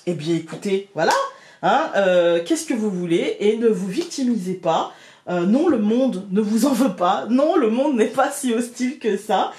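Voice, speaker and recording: A woman's voice: medium pitch, lively intonation, moderate pace, mellow, a little hiss or hum. Woman, Picard accent, tarot reader, hesitant with fillers, echoey room. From France. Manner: hesitant, many fillers and restarts, addresses viewers directly. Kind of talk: weekly card reading guidance.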